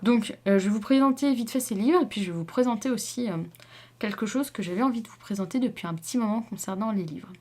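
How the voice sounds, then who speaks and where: A woman's voice: fairly high pitch, fast, warm tone. Young woman, chatty book vlogger, rambling, lots of fillers. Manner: chatty, rambling, many fillers and self-corrections. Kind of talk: casual chat to camera.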